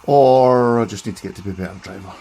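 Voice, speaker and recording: Streaming his review of a gaming handheld, this middle-aged Scotsman with a broad accent keeps up casual, self-mocking commentary as he plays. He speaks fast in a lowish, dark voice with vocal fry, over soft background music.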